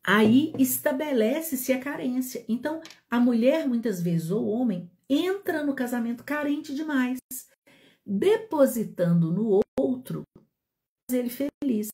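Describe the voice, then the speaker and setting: A woman's voice: fairly high pitch, lively intonation, a little slow, a little mellow. A Brazilian woman teaching about relationships, speaking straight to her listeners and often checking that they follow. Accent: Brazilian Portuguese. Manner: talks to listeners directly, with frequent check-ins. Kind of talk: didactic talk to an audience.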